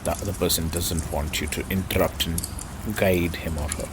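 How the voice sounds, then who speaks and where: A man with a deep, gravelly voice muses reflectively in short, halting phrases, pausing often as he thinks. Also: steady tone. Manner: halting, pensive delivery in short broken phrases. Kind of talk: slow reflective spoken musing. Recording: clearly noisy ambient background.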